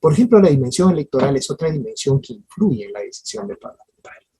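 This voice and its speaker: A lecturer at a parliamentary training workshop delivers a spoken lecture, talking fast and very animatedly in a medium-pitched, mellow, husky voice. They address listeners directly with tag questions and keep restarting mid-phrase, hesitating and repeating words.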